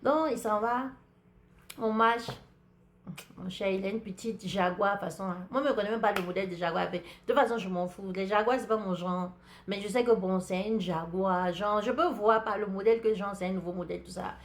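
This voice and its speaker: A woman's voice: mid-range voice, fairly quick, a little hiss or hum. A woman from Africa with an African French accent, hosting a podcast and telling a personal story in a chatty way, talking straight to her listeners. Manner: chatty, talks straight to listeners, lively retelling. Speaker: podcast host. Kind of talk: casual storytelling monologue.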